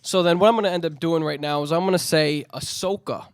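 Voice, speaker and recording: Higher-voiced man chatting on a podcast. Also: smooth, no echo, studio quality. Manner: quick, loose and conversational, lots of likes. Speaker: podcast co-host. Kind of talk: casual chat.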